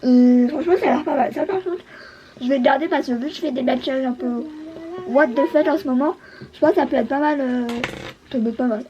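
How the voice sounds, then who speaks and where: A woman's voice: sits high, quick pace, highs cut off, a crowd in the background. A woman beauty vlogger chatting casually, hesitant and full of fillers. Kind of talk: casual chat.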